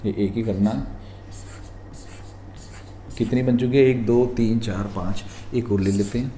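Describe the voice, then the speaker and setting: Male teacher, dark warm tone, coaxing viewers step by step; roomy echo and faint hiss. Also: on the low side, fairly even intonation. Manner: repeatedly urges viewers to pause and look carefully. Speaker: reasoning exam teacher. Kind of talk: explaining practice questions. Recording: echoey room, faint noise.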